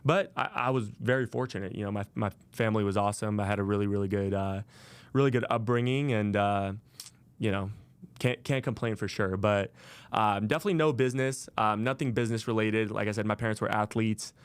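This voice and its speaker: A man's voice: on the low side, fairly quick, smooth, dry recording. A man in his twenties hosting a podcast alone, telling his story in a casual way with many fillers and restarts. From Las Vegas, USA. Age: 20s. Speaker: podcast host. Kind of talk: solo podcast monologue.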